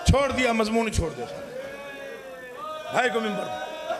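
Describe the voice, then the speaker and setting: A middle-aged man, chanting a mourning sermon from a pulpit in a sung, wailing style that rises to shouts. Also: extremely high pitch, big pitch swings, very noisy. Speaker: zakir reciting at a mourning gathering. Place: mourning assembly, speaking from a pulpit.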